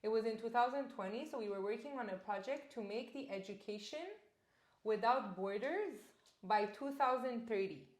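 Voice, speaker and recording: A woman's voice: fairly high pitch, moderate pace. A young woman from Canada, a guest in an interview, talking in an earnest, reflective way about her travels. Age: young adult. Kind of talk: casual interview conversation. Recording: roomy echo.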